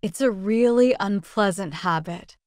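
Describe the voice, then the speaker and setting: Woman, smooth resonant voice, dry close sound, measured reading of practice lines. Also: medium pitch, dry recording. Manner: clear, even, deliberate delivery of short sentences. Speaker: English practice reader. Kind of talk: reading practice sentences aloud.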